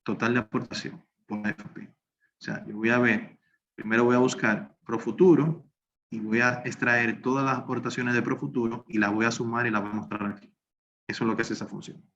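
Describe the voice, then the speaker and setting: A man's voice: mid-range voice, little pitch movement, fairly quick, fairly bright tone. Man teaching a recorded spreadsheet class. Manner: talks through steps while working on screen. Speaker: instructor. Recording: slightly dull lo-fi recording with faint noise.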